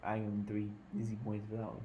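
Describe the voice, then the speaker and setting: A man's voice: fairly low pitch, monotone, fast, dull audio, a little hiss or hum. A man co-hosting a podcast, chatting casually and joking about sports. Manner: playful, jokey banter. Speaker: podcast co-host. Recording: roomy echoey room.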